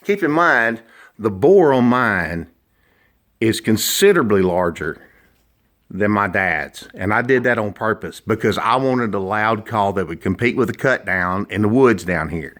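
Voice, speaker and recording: A middle-aged man explaining and demonstrating handmade products informally, in a deliberate, emphatic and opinionated manner. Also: on the low side, lively intonation, a bit bright. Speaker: duck call maker.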